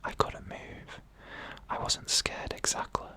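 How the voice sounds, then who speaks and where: Whispering in hushed ASMR style, a narrator who hosts a scary story show reads creepy stories, taking slow, deliberate phrasing and pausing often.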